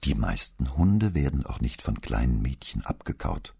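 Man playing a weary, gentle police commissioner. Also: extremely low pitch, big pitch swings, moderate pace, gravelly, slightly rough, full character voice. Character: weary middle-aged male police commissioner.

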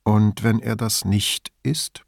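A man voicing a calm, probing male police inspector in an audiobook, speaking in a measured, quiet way. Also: lowish voice, creaky, no room sound, clean studio sound.

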